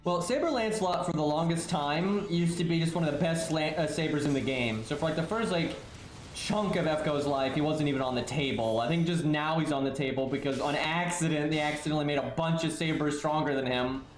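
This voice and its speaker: Guy with a stuffed up nose chatting on a game stream, a bit high pitched, echoey room. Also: fairly quick. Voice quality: congested, stuffy-nosed. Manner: rambling, chatting with viewers. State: sniffly, under the weather, mouth-breathing. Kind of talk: casual game stream commentary.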